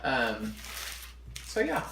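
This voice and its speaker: A man's voice: medium pitch, huge pitch swings, extremely slow, gravelly, bright, forceful tone. A man chatting casually to camera for an eating show, chewing while he talks in his home kitchen. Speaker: mukbang vlogger. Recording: echoey room with background noise.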